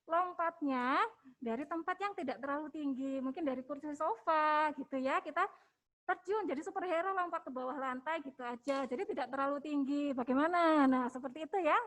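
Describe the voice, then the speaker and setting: A woman giving a webinar talk for parents as a hospital health educator, gentle and coaxing, often ending phrases with a soft "ya", with an Indonesian accent. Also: high voice.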